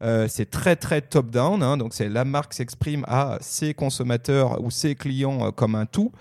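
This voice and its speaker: French guy co-hosting a podcast, gravelly low-toned voice, lots of euh and restarts. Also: measured pace, darkish tone, no room sound, clean studio sound. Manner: hesitant, many fillers and restarts. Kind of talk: casual podcast discussion.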